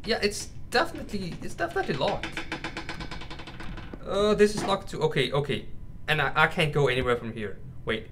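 A man narrates a horror game for his YouTube viewers in a casual, nervous way, calling them bros and mate. His voice is a little high, expressive and fairly quick, with music and game ambience clearly audible behind him.

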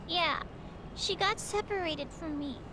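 A woman's voice: very high voice, unhurried, background noise. A woman voicing a sweet, innocent little girl in a video game dub. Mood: innocent, matter-of-fact. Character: sweet little girl looking for her lost cat. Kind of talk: English game dub acting.

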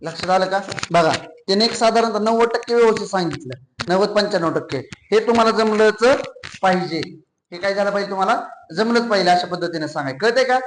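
A male teacher gives a classroom lecture in a high voice. He keeps firing questions at the class and repeating the answers. The sound carries the echo of a roomy classroom. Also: fast talker, slight background noise. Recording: echoey classroom.

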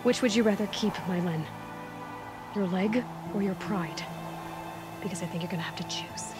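An actress playing a steady, frank young outsider heroine in a video game, plain-spoken and measured. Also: female voice, medium pitch, lightly acted. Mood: pointed. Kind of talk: dramatic video game acting. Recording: music behind. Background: game score music.

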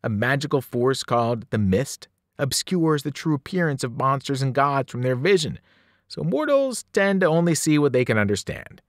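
A man, a teacher, reading a novel aloud in an animated storytelling voice, rising and falling with the action. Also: moderate pace, no room sound, clean studio sound. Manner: animated storytelling, shifting pitch and loudness with the action. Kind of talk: expressive read-aloud narration.

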